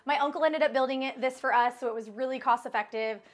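A woman in her thirties, an interior designer, chats upbeat and casually while walking through the bright rooms of her home, laughing often. Her voice is high and her pace quick in this casual home tour.

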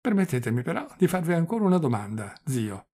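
A man's voice: very animated, fast. A man reading the part of an impatient young nephew who presses an old man with questions, in an audiobook. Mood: pressing. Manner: quieter, lower than the narration, pressing questions.

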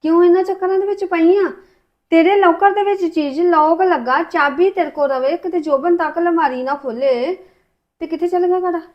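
Woman playing a scolding, high-voiced Punjabi relative. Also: brisk, natural voice. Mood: concerned. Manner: probing and scolding. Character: worried, sharp-tongued female relative. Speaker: relative in a family drama. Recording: dull lo-fi sound.

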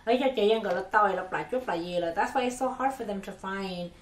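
A woman's voice: medium pitch, drawn-out words. Woman in an echoey room. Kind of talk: casual panel discussion.

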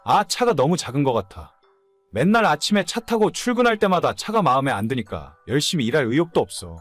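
A man voices a whiny, insistent husband in his late thirties, immature and hungover, for dramatized audio story dialogue. He speaks briskly in a higher register with big pitch swings, the recording dry apart from soft background music.

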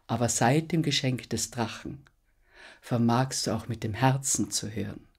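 A woman voicing an ancient, wise talking spruce tree that speaks gently and calmly. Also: extremely low pitch, moderate pace, vocal fry, husky, full character voice. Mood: gentle. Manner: gentle, calm, kindly.

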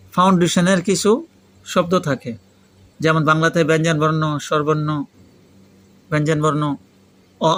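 Pakistani guy, urdu native, teaching a class in foreigner's learner bengali w/ urdu mixed in, kinda high voice, keeps quizzing and repeating. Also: a bit bright. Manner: didactic, repeats and prompts with questions. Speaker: Arabic grammar teacher. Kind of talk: interactive lesson, explaining and quizzing students.

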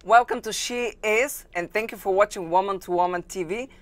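A woman's voice: mid-range voice, brisk. A woman in her forties from Bulgaria hosting a studio interview in a polished, upbeat presenter manner, on a lapel mic. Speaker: host. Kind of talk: scripted intro and interview questions. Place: small studio set, indoors.

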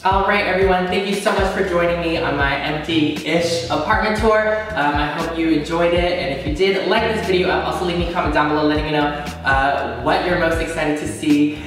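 A young man in his twenties from Washington State, a beauty vlogger, gives a bubbly, sassy, gushing tour of his large empty apartment in a casual vlog, his fairly high voice brisk. Captured by a handheld camera at arm's length and a far camera, it sounds very echoey and distant, with music playing behind.

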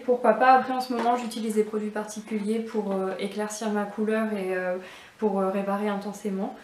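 A woman's voice: mid-range voice, roomy sound, recorded from a distance. A woman chatting casually through a beauty box unboxing, hesitant and full of fillers, in a home setting. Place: indoors at home.

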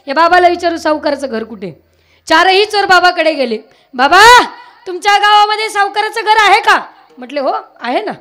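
High-voiced woman preaching a Marathi kirtan. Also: fairly bright tone. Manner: asks the audience questions, shifts between speech and sung verses. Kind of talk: devotional kirtan sermon with storytelling and singing.

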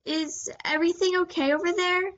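A woman's voice: very high voice, fairly even intonation, normal speed, fairly bright tone, lo-fi sound, pitched above the performer's own voice. A woman voicing a nervous young bystander who stammers with a shaky voice.

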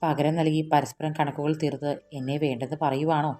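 An emotional young wife in a romantic audiobook, her voice low and soft, pleading and bashful by turns, as the woman narrator puts her on. Faint music plays underneath. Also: little pitch movement, a little fast, natural voice.

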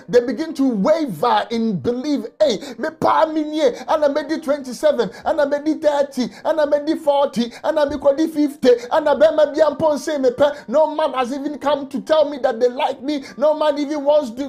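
A pastor preaches an emotional sermon from a small office on a lapel mic, often shouting and crying out in a very high-pitched voice.

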